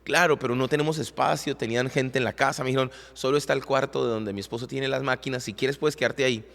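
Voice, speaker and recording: A man's voice: mid-range voice, fairly even intonation, fast talker, creaky, fairly bright tone, long reverb tail. A man co-hosting a podcast, earnestly telling a personal faith story with emotion, often repeating and restarting words. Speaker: podcast co-host, worship leader. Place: recording studio.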